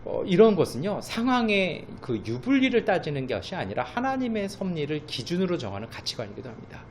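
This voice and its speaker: A middle-aged man preaching a sermon as a pastor, who acts out quoted voices in sudden loud, high bursts. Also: big pitch swings, fairly quick, slight background noise.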